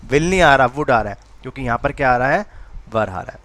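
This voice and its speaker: A man's voice: medium pitch, expressive, brisk, fairly bright tone. Man teaching grammar in a lecture. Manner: asks and answers his own rhetorical questions, repeats key points. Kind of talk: classroom lecture for exam preparation. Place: classroom with online students.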